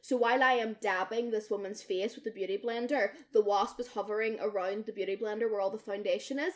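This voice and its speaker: A woman's voice: mid-range voice, fast talker. A young woman co-hosting a podcast, telling a story in casual chat, swearing freely and acting out what people said. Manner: lively, swears freely, acts out quoted people. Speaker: podcast co-host.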